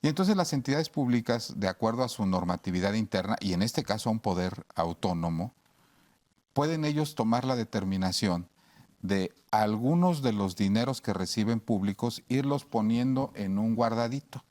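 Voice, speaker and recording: Low-voiced Mexican male radio host. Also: lively intonation, normal speed, darkish tone. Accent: Mexican Spanish. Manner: hesitant, many restarts and fillers, explains with homely examples. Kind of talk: explanatory talk show conversation.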